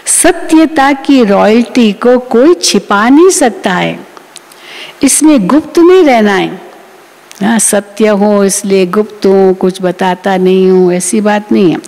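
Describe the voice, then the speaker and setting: A woman's voice: medium pitch, slow pace, gravelly, a little mellow, long reverb tail, rough recording. A woman giving a sermon on a spiritual discourse, telling it like a story and acting out the people she quotes. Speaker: spiritual teacher.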